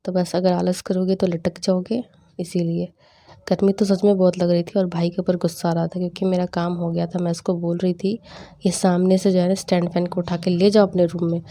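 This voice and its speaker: A young woman in casual voice-over narration for a home vlog, chatty and animated as she retells family banter. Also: on the low side, brisk. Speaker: vlogger.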